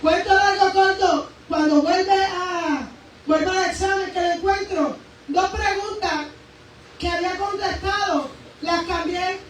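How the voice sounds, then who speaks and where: Woman preacher, very high voice, fervent testimony, booming church echo, distant from the mic. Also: takes it slowly. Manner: fervent, emphatic preaching that swings between raised and hushed. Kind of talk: sermon testimony. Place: church sanctuary. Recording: very echoey church hall, voice from far off, faint noise.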